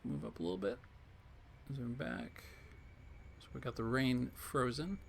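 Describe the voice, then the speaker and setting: A man commenting on his live gameplay in a low-key way, thinking aloud and greeting chat, with a voice that is going hoarse. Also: lively intonation, unhurried, a little hiss or hum. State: losing his voice. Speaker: game streamer.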